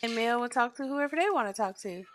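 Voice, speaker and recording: A woman's voice: a little high, expressive, fast, a bit bright, slight background noise. A woman around thirty, a podcast guest in casual chat who laughs often and pokes fun at herself. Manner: laughs often, chatty and self-mocking.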